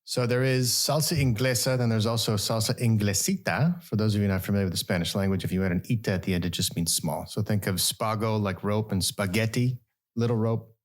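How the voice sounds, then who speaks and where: A man's voice: steady tone, fairly quick. A middle-aged man co-hosting a podcast, reading news stories aloud with wry, jokey asides. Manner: wry, jokey delivery with sudden pitch jumps. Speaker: podcast co-host.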